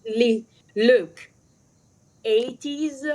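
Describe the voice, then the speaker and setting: A woman co-player chatting casually on a stream, slow and thoughtful, often laughing. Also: on the high side, fairly even intonation, mellow. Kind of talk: casual chat.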